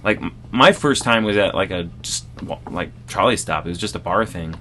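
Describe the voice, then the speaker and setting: A man's voice: sits low, expressive, brisk, sharp tone, a little hiss or hum. A man who is a guest comedian, chatting casually on a podcast and telling rambling, self-deprecating anecdotes.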